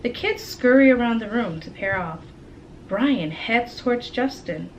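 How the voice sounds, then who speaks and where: A woman reading a storybook aloud to children like a teacher, with dramatic pauses and questions to her listeners. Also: a little high, lively intonation, highs cut off, slight background noise. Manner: dramatic, engaging pauses and asides.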